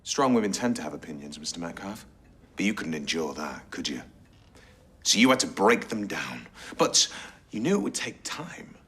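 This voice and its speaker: An actor playing a relentless, accusing male prosecuting barrister in a TV soap, with measured, pointed rhetorical questions. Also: deep voice, sing-song, fairly bright tone. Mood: grave, pressing. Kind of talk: TV soap courtroom acting.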